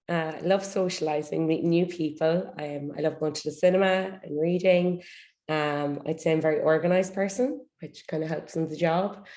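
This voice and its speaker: A woman's voice: low-pitched, warm tone. A woman with an Irish accent chatting casually as a guest in an interview. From Ireland. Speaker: podcast guest, social media manager.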